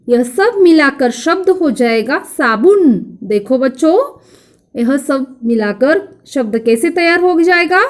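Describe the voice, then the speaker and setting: A woman with a Marathi accent teaching a grammar lesson to children, saying each word slowly and repeating it for them to echo. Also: sits high, a little mellow.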